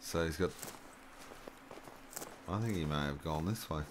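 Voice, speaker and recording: A man's voice: extremely low pitch, measured pace, noisy background. A man from Australia with a mild Australian accent, chatting in an easygoing way while playing a hunting game. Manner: easygoing, laughs along. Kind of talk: casual gaming chat.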